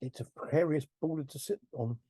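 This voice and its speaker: Middle-aged man, podcast host, casual film chat, rambling, mellow tone, slightly high voice. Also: brisk, slightly rough, dry recording. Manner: rambling, chuckling, self-correcting.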